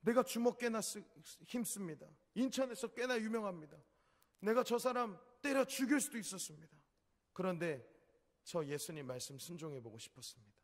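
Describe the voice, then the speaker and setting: A preacher acting as an anguished homeless brawler. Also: male voice, high-pitched, big pitch swings, moderate pace, big-room sound, pitched above the performer's own voice, full character voice. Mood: anguished pleading. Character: weeping middle-aged homeless man, once a brawler.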